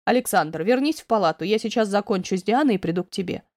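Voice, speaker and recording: A woman voicing a calm, reassuring middle-aged male doctor who talks gently and steadily. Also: medium pitch, quick pace, no room sound, clean studio sound, close to an everyday voice. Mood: soothing.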